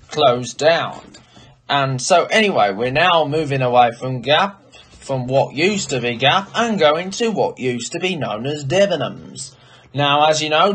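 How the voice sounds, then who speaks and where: A man giving an informal video tour as an enthusiastic hobbyist, explaining details as he goes. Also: on the high side. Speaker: vlogger giving a tour of lifts. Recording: background noise, varying distance from mic.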